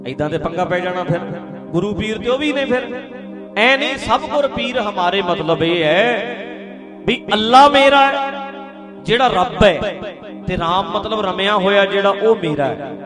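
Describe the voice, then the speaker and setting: High-voiced man preaching over music. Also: expressive, normal speed. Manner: storytelling, swings between loud and soft. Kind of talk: sermon with storytelling. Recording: music behind the voice.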